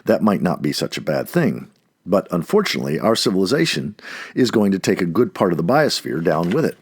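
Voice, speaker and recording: In the manner of an audiobook narrator, a man reads an essay aloud expressively, with deliberate, emphatic phrasing. His low voice is sing-song with a breathy edge, and the recording is dry.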